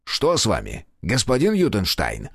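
A man's voice: medium pitch, sing-song, a little slow, dry recording, clean studio sound, pitched above the performer's own voice. A man voicing a stern middle-aged male detective who speaks coldly and curtly. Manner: curt and hard, grating when pressed.

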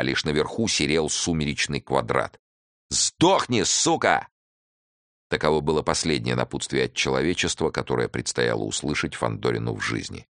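A male audiobook narrator with an extremely deep, low voice, reading a detective story in a measured, terse and dramatic way. The recording is close and dry, with no room sound. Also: dry recording. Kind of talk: scripted narration of a detective novel.

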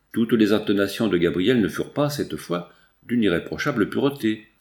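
A man narrating a nineteenth-century novel as an audiobook, in a measured, expressive reading. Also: fairly low pitch, creaky.

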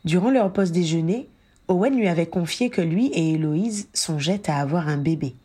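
A woman narrating a fan fiction audiobook in a steady, even storytelling manner. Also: on the low side, moderate pace, breathy edge. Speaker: audiobook reader.

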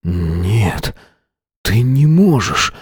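A man reading an audiobook and voicing a shaken young male teacher who speaks in a low, stunned, bitter mutter. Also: steady tone, moderate pace, a little mellow, breathy edge, no room sound, studio quality.

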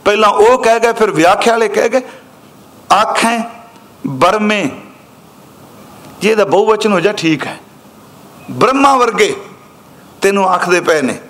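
A man with a high-pitched voice delivers a sermon of scripture commentary. He chants the quoted verses slowly and stretches them out, then moves into quicker explaining speech. He speaks straight to his congregation throughout. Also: lively intonation, fairly bright tone. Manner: addresses listeners directly as an audience. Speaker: Sikh preacher giving scripture commentary. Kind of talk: katha sermon expounding scripture.

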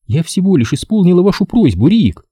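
A man's voice: high voice, big pitch swings, a little fast, warm tone, dry recording, pitched above the performer's own voice, full character voice. A man putting on a coy, whispering young woman. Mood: teasing. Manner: breathy teasing whisper. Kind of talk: audiobook character voice.

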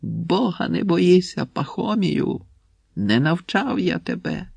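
A tortured prisoner pleads and cries out, his voice husky and strained under pain, as a male narrator acts him. The sound is dry and close-miked, with nothing around it. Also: mid-range voice, slow pace, a little mellow, no echo. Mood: anguished.

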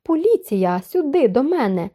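A woman's voice: high voice, very animated, normal speed, dark tone, voice pushed up. A woman reading as a spiteful gloating stepmother. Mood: shouting. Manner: gloating, hissing. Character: spiteful cruel stepmother, middle-aged woman.

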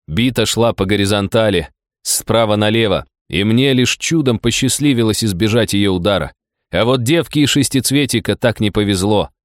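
Man, audiobook narrator, first-person story, low voice, dry close sound, steady even delivery. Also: normal speed, no room sound.

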